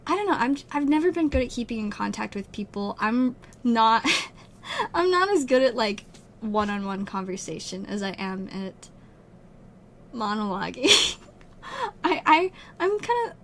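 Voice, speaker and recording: A twenty-year-old Utah woman streams, chatting casually with viewers in a medium-pitched voice over slight background noise. Rambling and giggly, with many "like" fillers and laughs, she sounds strained as she loses her voice.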